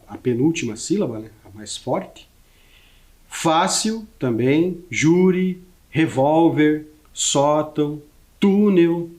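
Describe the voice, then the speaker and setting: Slow, deliberate Brazilian male teacher. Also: mid-range voice. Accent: Brazilian Portuguese. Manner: slow, deliberate, stretches out example words; checks in with the listener often. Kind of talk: recorded video lesson.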